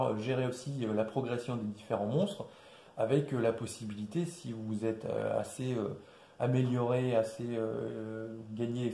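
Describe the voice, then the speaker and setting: A man casually walking through a board game's rules, with many fillers and restarts, recorded quietly in an echoey room. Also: gravelly. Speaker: board game presenter. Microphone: quiet distant mic. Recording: echoey room, low level.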